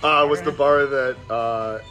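A man's voice: mid-range voice, steady tone, measured pace, pushed and bright, faint music behind. An American man hosting a casual interview, asking simple questions in a slightly hesitant way. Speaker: podcast host, interviewer. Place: in a bar.

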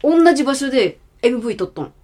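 A woman's voice: high voice, very animated, fast, dark tone. A woman co-hosting a podcast from home, telling a story in a chatty, casual dialect. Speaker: podcast co-host, band member.

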